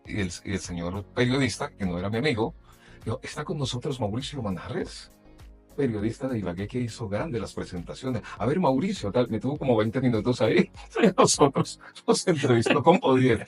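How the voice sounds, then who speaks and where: A middle-aged man from Colombia, a journalist and announcer, telling animated anecdotes in a casual interview and laughing often. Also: mid-range voice, a little fast, faint music behind.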